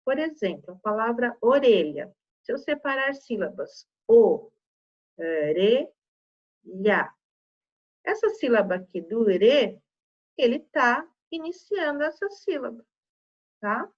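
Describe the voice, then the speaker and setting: A woman's voice: a little high, very animated, highs cut off. A woman teaching young children a remote lesson, sounding out words syllable by syllable and checking in with "tá?" after each point. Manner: slow, syllable-by-syllable dictation with frequent "tá?" checks. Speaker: primary school teacher.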